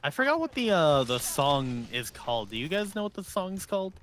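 A man chatting while playing a game with friends, excitable and tripping over his words. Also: a little high, brisk, a little hiss or hum. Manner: excitable, stumbling restarts. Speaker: co-player. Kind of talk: casual gaming chat.

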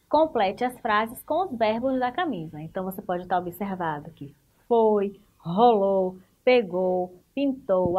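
A woman's voice: medium pitch, breathy edge, phone-quality sound. A woman with a Brazilian Portuguese accent, teaching a remote school lesson, explaining step by step, asking the class questions and praising answers.

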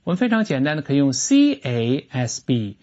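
A teacher giving a lively lecture on an English textbook lesson, explaining phrases emphatically and asking rhetorical questions. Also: mid-range voice, moderate pace. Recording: dull lo-fi recording.

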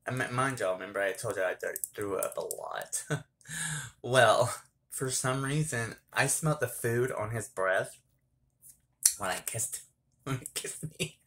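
A man's voice: medium pitch, a little slow, pauses often, fairly bright tone. A man telling a casual storytime vlog, rambling and laughing often as he talks. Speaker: vlogger. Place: small hot bathroom.

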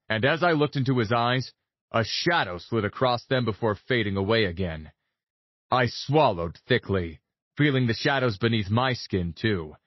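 Husky male audiobook narrator. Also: mid-range voice, dry recording, dull audio. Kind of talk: scripted first-person narration.

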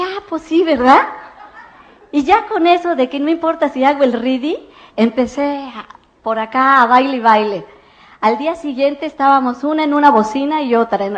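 Lively woman telling stories on stage. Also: sits high. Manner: animated storyteller acting out dialogue. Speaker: speaker at a business convention. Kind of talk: motivational talk with stories. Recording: muffled lo-fi recording.

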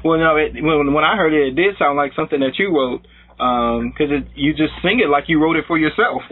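A man's voice: on the high side, a little fast. A man interviewing a guest on the radio, prompting her with questions and short words of encouragement. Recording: phone-like band, dry.

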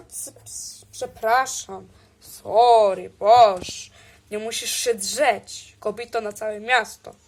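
A woman's voice: on the high side, a little hiss or hum. A woman improvising a toy role-play, voicing several bickering characters in a playful way. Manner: playful, bickering, switches between character voices. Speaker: toy video creator.

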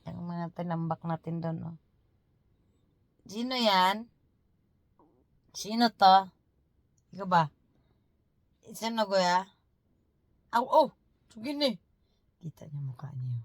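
Slow-talking playful woman at home. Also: medium pitch, dry recording. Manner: playful, laughing, talks to her pets. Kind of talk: casual home video chat with animals.

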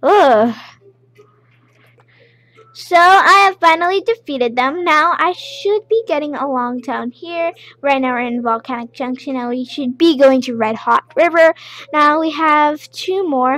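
A woman giving casual, rambling gameplay commentary, with excited outbursts. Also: high voice, unhurried. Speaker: gameplay video creator.

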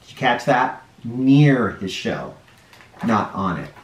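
In a living room or playroom, a man in his forties takes it slowly while reading a picture book aloud to children. His mid-range voice is animated and explanatory as he speaks to his young audience. The distant mic picks up a roomy home sound.

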